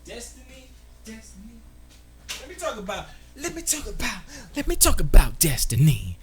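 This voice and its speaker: A man's voice: high voice, wildly swooping pitch, a little fast. A man co-hosting a casual gaming stream, slangy and playfully trash-talking. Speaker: stream co-host.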